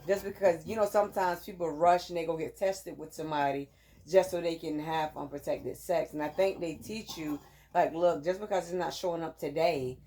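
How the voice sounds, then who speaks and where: A woman in a casual chat, calmly explaining things and often adding short agreeing sounds. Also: low voice, moderate pace. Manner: calm, explanatory, many backchannels. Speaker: co-host.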